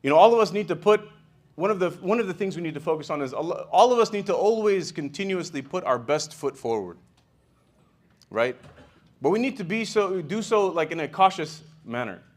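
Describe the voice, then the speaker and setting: High-voiced man preaching conversationally. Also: brisk. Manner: conversational, with frequent "you know" and "right?"; animated storyteller, swings in loudness. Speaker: imam. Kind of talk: sermon retelling a hadith.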